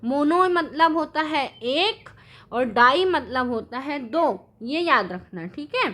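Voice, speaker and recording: Woman teacher, high and bright, quizzing her class in a lesson. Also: animated, slow. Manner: asks the class questions and answers them herself; mixes English terms into Hindi. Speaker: science teacher. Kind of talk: classroom lesson explaining with drawings.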